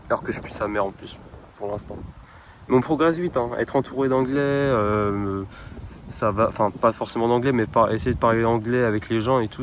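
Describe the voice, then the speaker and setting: A man's voice: on the low side, poor audio. A young man from France chatting casually in a travel vlog at night, rambling with many hesitations and slang, filmed on a handheld phone outdoors by the water. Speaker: vlogger. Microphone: handheld phone camera. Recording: wind noise on phone mic. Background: wind and outdoor ambience.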